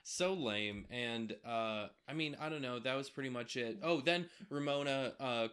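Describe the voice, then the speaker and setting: A young man co-hosting a casual recap chat, talking in a halting, sarcastic way. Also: medium pitch, fairly bright tone, clear, resonant tone. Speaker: podcast co-host.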